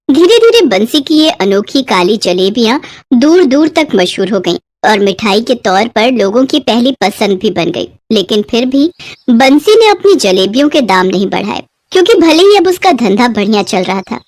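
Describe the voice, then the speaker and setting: A woman narrating a scripted children's story. Her fairly high voice is clear and expressive, with steady storytelling. The recording is close and very dry. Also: moderate pace, no echo.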